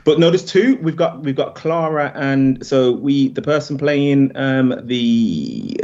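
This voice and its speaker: A man's voice: medium pitch, animated, slow, darkish tone, lo-fi sound. A man, a film director, answering interview questions hesitantly with many fillers.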